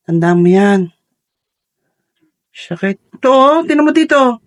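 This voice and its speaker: In a casual home vlog, a man films himself in a bedroom with his small child, teasing and joking while stuffy with a cold. His voice is extremely high and very animated, yet he speaks unhurriedly, laughing often in a playful way.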